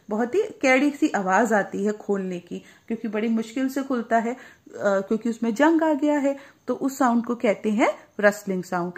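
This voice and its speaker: A woman's voice: on the high side, a little mellow. A woman teacher reads an English story and explains it in Hindi, going over words patiently and calling her listeners child.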